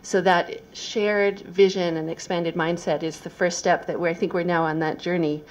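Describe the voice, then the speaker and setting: A woman's voice: fairly low pitch, flat delivery, normal speed, poor audio. A woman speaking as a presenter at a conference, explaining her thoughts step by step.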